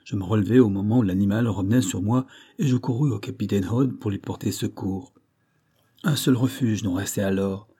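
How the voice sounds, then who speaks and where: Male audiobook narrator, low-pitched and mellow, steady measured reading. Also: husky. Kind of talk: scripted narration of a classic novel.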